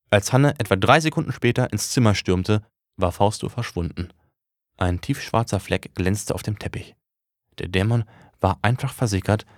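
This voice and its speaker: A man's voice: on the low side, no room sound. A man reading a first-person story aloud in a dry, wry tone. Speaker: audiobook narrator.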